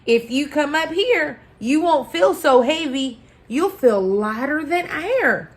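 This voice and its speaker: A woman reading a storybook, voicing a lonely, hopeful moon who calls out gently and encouragingly. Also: sits high, animated, slow pace, pitched above the performer's own voice. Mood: inviting. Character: lonely, hopeful moon, queen of the night sky. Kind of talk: children's picture-book storytelling.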